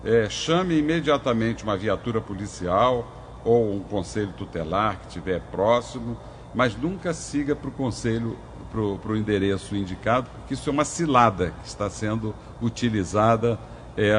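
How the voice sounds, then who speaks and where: A man's voice: on the low side, moderate pace, slight background noise. An older man, a former judge hosting a legal talk show, who gives earnest warnings and advice. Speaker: host and former juvenile court judge.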